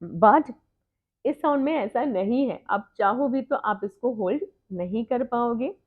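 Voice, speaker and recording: A woman teaching phonics, slowly modelling sounds and words and repeating each one twice. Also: a little high, animated. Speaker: reading tutor. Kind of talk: phonics lesson mixing Hindi and English. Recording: tinny phone-like sound.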